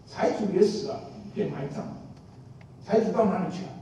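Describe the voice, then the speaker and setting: Brief: male preacher, high and mellow voice, folksy and questioning, heard from a distant mic. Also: normal speed, a little hiss or hum. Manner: folksy, asks the listeners questions, repeats phrases. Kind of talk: sermon. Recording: echoey room from a distant mic.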